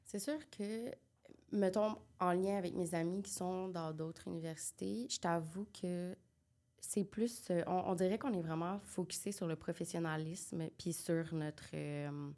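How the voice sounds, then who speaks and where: A young Québécoise woman co-hosts a casual podcast chat, her voice lowish, warm and a little slow. She speaks French with a Québécois accent, chatty and slipping English words in.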